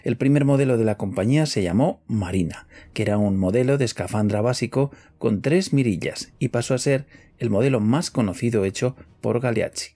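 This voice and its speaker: A man's voice: medium pitch, fairly quick, warm tone. A man presenting in the style of a scripted documentary narration.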